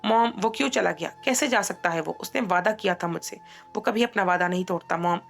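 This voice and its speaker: A woman's voice: fairly low pitch, steady tone, fast, soft background music, close to an everyday voice. A woman voicing a grief-stricken young woman who is crying and stammering through her tears. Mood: sobbing grief.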